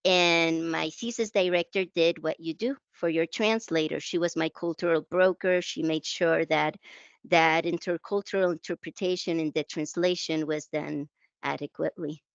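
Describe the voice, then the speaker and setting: A woman's voice: deep voice, fairly even intonation, moderate pace, creaky, no echo, dull audio. Spanish-accented woman, thoughtful and self-deprecating. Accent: Canary Islands Spanish. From Canary Islands. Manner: reflective, self-deprecating storytelling. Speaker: guest translator. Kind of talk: conversational interview.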